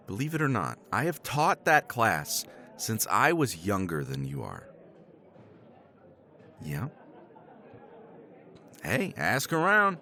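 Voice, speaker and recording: Playing a professor in a romance ASMR roleplay, a man speaks in a low, slow voice that also sounds pushed and bright. His pitch swings widely as he teases, laughs often and swears casually, keeping his tone wry and self-deprecating.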